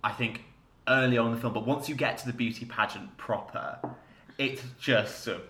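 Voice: mid-range voice, normal speed, a bit bright, roomy sound. A co-host leading a casual film chat, enthusiastic, with stumbling restarts. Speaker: podcast co-host.

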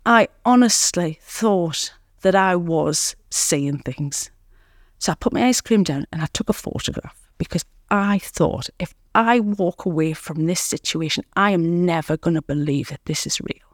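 A woman's voice: fairly low pitch, unhurried, no room sound, studio quality. Earnest woman sharing her recovery story. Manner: earnest, repeating words, frequent "you know"; reflective storytelling. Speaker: podcast guest. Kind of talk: candid recovery interview.

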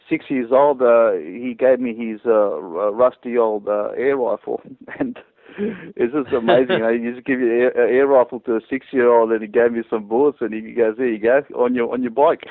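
A Croatian hunter is a guest on a hunting podcast, telling stories in a casual interview with a rambling, hesitant delivery and occasional chuckles. His voice is medium-pitched with no echo, and the audio is tinny, as if over a phone line.

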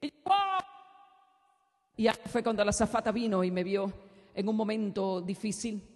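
A woman preacher delivering an impassioned sermon, moving between soft storytelling and loud exhortation. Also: medium pitch, steady tone, fairly quick. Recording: long hall reverb.

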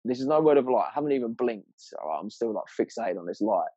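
A man's voice: mid-range voice, big pitch swings, fast talker, mellow, dry recording, dull audio. A man with a southern English accent telling anecdotes in casual, sweary, slangy chat, rambling along in a matey way.

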